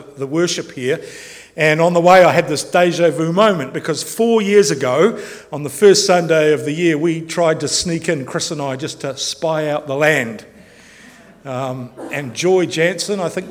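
A male pastor, giving an informal, joking sermon in a church. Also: on the high side. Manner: chatty, joking, self-interrupting. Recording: long church reverb.

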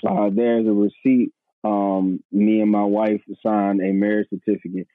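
A man's voice: lowish voice, level tone, unhurried, dry recording. A man in his thirties, a pastor, telling his story in earnest, casual conversation, often repeating his words and calling the host man or bro. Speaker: pastor, podcast guest. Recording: tinny phone-line sound.

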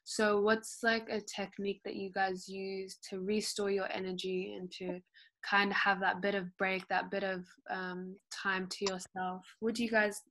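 A woman's voice: medium pitch, level tone, normal speed, sharp tone. A woman hosting a casual chat, asking encouraging, upbeat questions.

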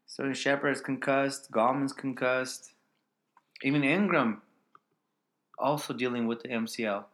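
A man trades fantasy football picks with his co-host in a loose, chatty way. His voice is bright and clear at an ordinary middle pitch. He drifts into jokey asides, then rattles off stats. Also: steady tone, unhurried, long pauses. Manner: joking, trails off into asides, quotes stats. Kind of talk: casual sports chat.

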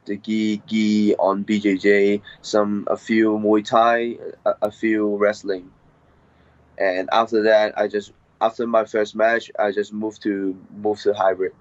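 Young fighter from Hong Kong, Hong Kong accent, halting second-language English, fairly low voice, dull dry recording. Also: male voice, flat delivery, no room sound. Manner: halting, hesitant non-native English with many fillers. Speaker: MMA fighter guest. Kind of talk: casual interview.

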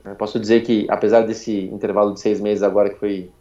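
A Brazilian man in his forties, a former racing driver telling his story as a podcast guest, talking quickly through a nearly closed mouth with little intonation. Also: fairly low pitch, flat delivery, warm tone. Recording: dull lo-fi sound.

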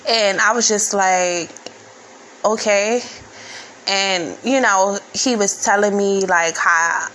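A woman's voice: mid-range voice, slow, sharp tone, a little hiss or hum. A woman in her thirties telling a personal story in a candid, casual, profane way, full of fillers.

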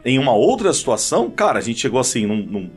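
Animated man telling stories. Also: fast, husky, faint music behind. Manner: animated storyteller, jumps high when telling a funny story. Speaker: pastor and guest. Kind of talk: casual conversation with anecdotes.

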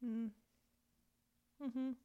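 A woman's voice: fairly high pitch, little pitch movement, extremely slow, clear, resonant tone, narrow, tinny audio. A woman in her twenties co-hosting a podcast, chatty and storytelling, swearing and laughing often. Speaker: podcast co-host. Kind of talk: casual chat.

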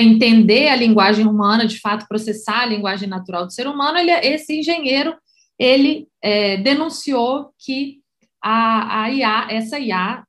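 Chatty explaining woman, lots of fillers. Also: on the high side. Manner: explanatory, many fillers and restarts. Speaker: course coordinator. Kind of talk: live stream talk.

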